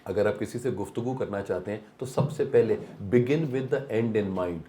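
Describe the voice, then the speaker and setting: A man's voice: lowish voice, warm tone, a little hiss or hum. A man giving a motivational seminar talk, mixing English phrases into Urdu and asking rhetorical questions. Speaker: seminar speaker. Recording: echoey hall.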